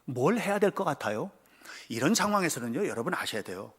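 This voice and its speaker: Dramatic high-voiced man preaching. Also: very animated, brisk, breathy edge. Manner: dramatic, swings from loud cries to hushed whispers; acts out quoted voices in stories. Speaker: pastor. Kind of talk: sermon. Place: church sanctuary.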